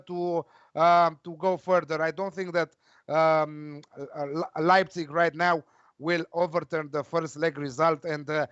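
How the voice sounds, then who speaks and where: A man giving casual football betting predictions in a hesitant, halting way, repeating words as he goes. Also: on the high side, fairly bright tone, smooth, no echo, dull audio.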